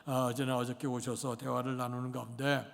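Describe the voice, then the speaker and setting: Gravelly older man preaching in a church. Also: mid-range voice, flat delivery, brisk. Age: 60s. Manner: rambling, anecdotal, many fillers. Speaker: pastor. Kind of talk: sermon. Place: church sanctuary. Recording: long church hall reverb.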